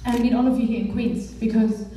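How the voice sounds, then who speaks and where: A young woman gives an earnest, conversational speech in a mellow, warm voice, pitched a little high. She is heard from well back in a large room with strong echo. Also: fairly even intonation, fairly quick, a little hiss or hum. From Germany. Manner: earnest and conversational, with many fillers. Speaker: campaigns director. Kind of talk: speech to a live audience. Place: large echoey hall. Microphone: far from the mic. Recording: echoey hall, voice from far off.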